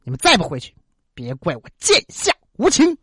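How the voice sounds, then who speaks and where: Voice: medium pitch, huge pitch swings, brisk, fairly bright tone, husky, dry recording, clean studio sound, heavily acted. Storyteller doing a stern heroic archer.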